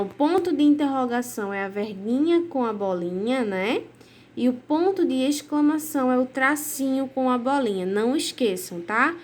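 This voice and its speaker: A young woman with a Brazilian Portuguese accent, a primary school teacher giving a recorded grammar lesson to children in an affectionate, slow and emphatic way. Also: on the high side, darkish tone.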